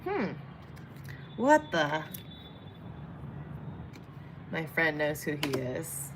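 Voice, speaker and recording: This young woman from San Diego, California has a low, sing-song voice and speaks very slowly. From her home in Vietnam she reads tarot and applies makeup, casually chatting with her livestream audience, while faint noise sits in the background.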